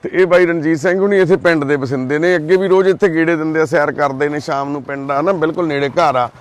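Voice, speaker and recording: A man with a Punjabi accent, recording a vlog outdoors by a railway crossing at night and talking in a gentle, coaxing and reassuring way. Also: fairly high pitch, brisk. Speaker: vlogger helping a lost child. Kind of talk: on-the-spot field vlog.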